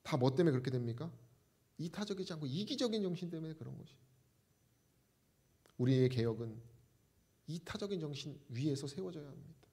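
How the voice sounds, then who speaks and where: Male pastor, fairly high voice, animated sermon delivery, rhetorical questions to the congregation. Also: fairly quick, long pauses.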